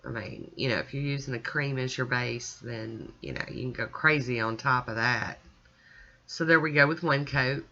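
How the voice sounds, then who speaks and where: A woman's voice: extremely low pitch, expressive, normal speed, sharp tone, dull audio. A woman chatting casually as she talks the viewer through her nail art, step by step. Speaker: nail art channel host.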